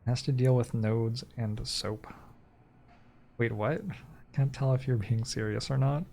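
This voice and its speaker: Gravelly man streaming a game. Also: medium pitch, steady tone, measured pace, dark tone. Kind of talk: casual game commentary and reading aloud. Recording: faint game ambience behind voice. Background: game ambience.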